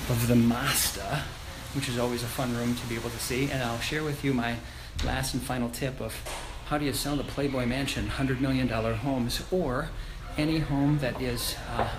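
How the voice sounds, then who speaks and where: A man working as a real estate agent, chatting casually and with enthusiasm to live viewers as he walks through a house tour. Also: mid-range voice. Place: walking through a large house and its outdoor areas. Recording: noisy live phone video, ambient traffic noise.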